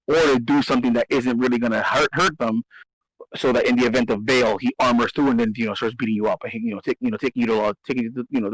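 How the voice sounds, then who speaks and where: A man's voice: mid-range voice, fairly bright tone, no echo, poor audio. A man in casual talk, explaining game strategy and often restarting and repeating his phrases for emphasis. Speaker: host. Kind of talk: casual gaming strategy discussion.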